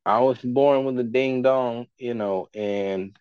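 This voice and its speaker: A man sits in as a guest on a casual podcast and rambles through blunt, profanity-laced opinions. His voice sits at a middle pitch. The recording is dry and somewhat dull, with a lo-fi edge. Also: takes it slowly, clean tone, no room sound. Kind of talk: casual chat.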